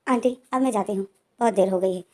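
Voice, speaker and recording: A woman's voice: medium pitch, quick pace, a little mellow, close to an everyday voice. A woman reading a friendly young woman. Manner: plain quoted lines in narrator's own voice.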